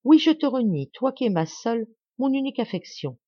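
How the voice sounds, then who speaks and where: A woman's voice: fairly low pitch, animated, warm tone, no room sound. A woman reading a bitter vengeful young man. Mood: cold menace. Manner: grave, measured, menacing. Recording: dull dry lo-fi audio.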